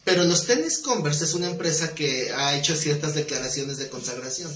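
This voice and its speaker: A man's voice: a little high, animated, fairly quick, fairly bright tone. A man teaching an exegetical Bible study class, explaining passages, reading scripture aloud and putting questions to the class. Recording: roomy echo with faint noise.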